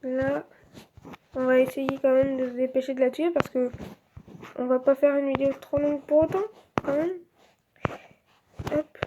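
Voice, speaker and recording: A woman's voice: sits high, level tone, normal speed, long pauses, background noise. A woman giving casual let's-play commentary, chatty and thinking aloud with lots of filler words.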